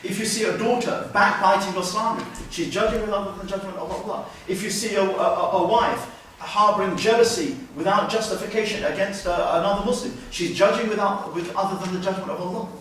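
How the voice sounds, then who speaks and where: A man's voice: high-pitched, fast, fairly bright tone, a little hiss or hum. A man giving an earnest mosque lecture as a religious teacher, with many restarts and questions put to the listeners. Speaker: Islamic teacher. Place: mosque hall. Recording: very echoey hall, mic at a distance.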